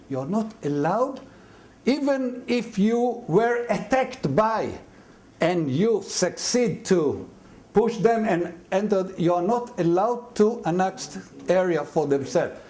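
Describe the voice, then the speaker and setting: A man in his seventies or older, born in Mandate Palestine, delivers a university lecture. His voice sits high and mellow, and he explains things haltingly, full of fillers and restarts.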